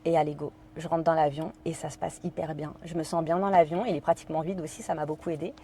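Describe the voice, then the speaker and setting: A woman's voice: sits low, flat delivery, fast, warm tone. A woman from France, a podcast guest, telling a personal story in conversation, hesitant with many fillers and quoting her own inner thoughts.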